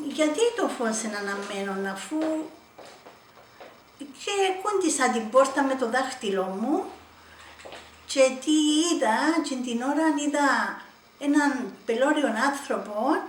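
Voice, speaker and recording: High-voiced Cypriot woman in an echoey room. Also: animated. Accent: Cypriot Greek. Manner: emotional storytelling with hesitations. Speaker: church member giving testimony. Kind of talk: personal testimony. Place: church hall. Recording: echoey room, distant mic, faint noise.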